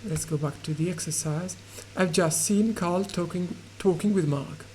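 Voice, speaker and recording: Low slow woman teacher going over english grammar, mellow voice, faint typing noise behind. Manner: slow, halting explanation with pauses and fillers. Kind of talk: online pronunciation and grammar lesson.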